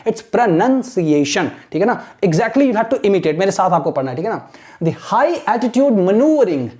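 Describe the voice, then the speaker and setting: A woman with an Indian accent teaching an English editorial, reading lines slowly and explaining each one with a repeated "theek hai na". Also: medium pitch, dark tone.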